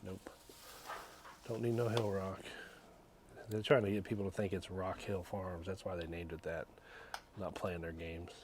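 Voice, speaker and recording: A man's voice: deep voice, level tone, moderate pace, long pauses, background noise. A man co-hosting a bourbon vlog, half-whispering dry, joking price comments while walking a liquor store aisle. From Tennessee. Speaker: bourbon reviewer and channel co-host. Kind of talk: casual walk-through vlog.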